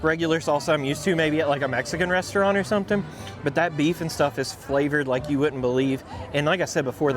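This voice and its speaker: High-pitched, folksy American man vlogging over music. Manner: enthusiastic, folksy. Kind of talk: casual on-location vlog chat. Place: theme park, shop and outdoor food areas. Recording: music behind, outdoor park sound.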